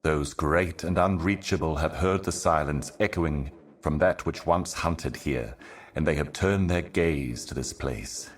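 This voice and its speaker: An actor playing a solemn otherworldly herald of cosmic horrors in a video game, speaking in an ominous, grandiose and cryptic theatrical manner. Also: male voice, very deep voice, unhurried. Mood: portentous. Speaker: game character, messenger and guardian.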